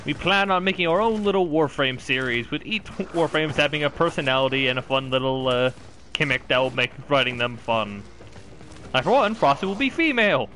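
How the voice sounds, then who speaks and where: A man's voice: medium pitch, normal speed. Giggly young man chatting over game noise. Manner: giggly, rambling, laughs often. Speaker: gaming channel host. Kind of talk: casual gaming chat. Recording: game sounds loud behind.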